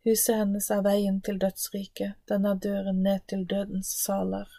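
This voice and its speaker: A woman gives a measured, earnest scripture reading. Her pitch barely moves and her voice is mellow. The sound is dry and close. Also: monotone, gravelly, no echo. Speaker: Bible reader.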